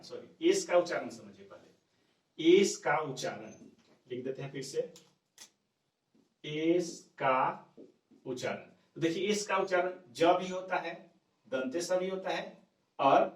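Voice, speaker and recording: A man teaching English pronunciation to students, drilling each rule by asking questions and answering them himself. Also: a little high. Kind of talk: classroom lesson, explaining rules to students. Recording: echoey room, voice from a distance.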